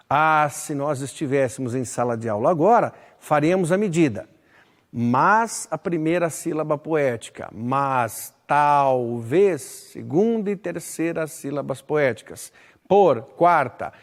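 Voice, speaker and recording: A man teaching a literature lesson, explaining verse and addressing the listener directly with emphatic stresses. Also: a little high. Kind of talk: recorded lesson. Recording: long hall reverb.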